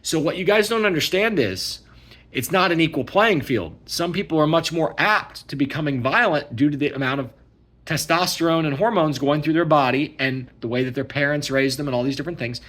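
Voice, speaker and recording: A man's voice: on the high side, brisk, a bit bright. A man giving a casual, emphatic ranting monologue, repeating himself and asking "okay?" often. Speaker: vlogger.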